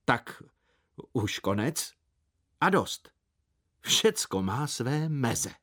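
A man's voice: on the high side, lively intonation, bright, forceful tone, pitched above the performer's own voice. A man voicing a stern, dignified father who speaks firmly and admonishingly in a storybook reading. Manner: firm, admonishing, measured.

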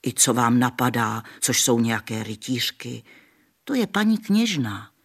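Guy reading an old granny telling folk stories, gravelly and husky. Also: mid-range voice, sing-song, a bit bright, full character voice. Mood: dismissive. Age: older. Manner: homely, patient storytelling with folksy sayings. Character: kindly old grandmother, gentle village storyteller.

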